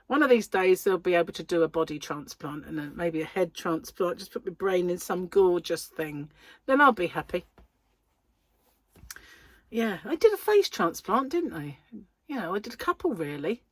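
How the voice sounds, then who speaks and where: Chatting casually to camera, this British crochet-channel host in middle age breathes with a wheeze and is quick to laugh at herself. Her lowish voice has a sing-song lilt, and there's no room sound.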